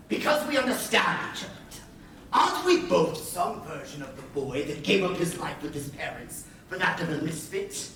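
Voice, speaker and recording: Grandiose, swooping pirate captain in echoey theatre. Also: male voice, on the high side, sharp tone, full character voice. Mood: taunting, confiding. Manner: grandiose, wry, deliberate with swooping emphasis. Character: scheming theatrical male pirate captain, smug and menacing. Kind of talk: projected stage-play acting. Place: indoor playhouse stage. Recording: echoey theatre, far mic, faint noise.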